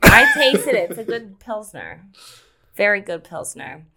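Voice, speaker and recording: A woman's voice: mid-range voice, sing-song, unhurried, pushed and bright. A woman co-hosting a podcast in casual, agreeable chat, laughing often. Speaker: podcast co-host.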